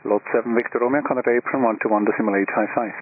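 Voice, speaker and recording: A man's voice: medium pitch, fairly even intonation, racing. A man working as an air traffic controller, giving clipped, procedural instructions over aviation radio. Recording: tinny narrowband radio, faint static.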